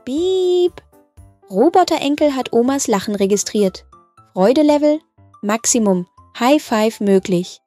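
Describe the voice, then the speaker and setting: A woman voicing a high, beeping child robot. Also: animated, measured pace, dark tone, no echo, faint music behind. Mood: robotic, playful. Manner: stiff robot announcements punctuated by beeps. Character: eight-year-old child playing a beeping robot. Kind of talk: scripted family comedy.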